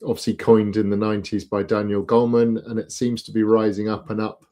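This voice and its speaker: A man's voice: on the low side, level tone, fairly quick, dark tone. A man hosting an interview, giving brief encouraging replies and passing on questions from the audience. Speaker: host. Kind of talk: interview host.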